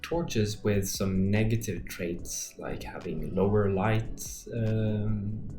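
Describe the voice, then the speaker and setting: A man talking through his tabletop game design ideas in a casual vlog, thinking aloud and pausing often with fillers. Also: lowish voice, steady tone. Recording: roomy echo with faint background music.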